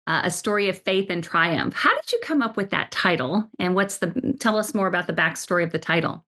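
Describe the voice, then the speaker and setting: A woman hosting an interview, interjecting affirmations and asking questions with halting restarts. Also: lowish voice, animated, bright, forceful tone. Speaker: podcast host.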